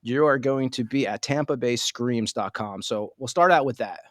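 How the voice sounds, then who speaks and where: A man's voice: medium pitch, normal speed, fairly bright tone, no room sound, studio quality. A man hosting a podcast in a casual, informal interview style, addressing the guest like a buddy. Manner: informal, says "man" often. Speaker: podcast host.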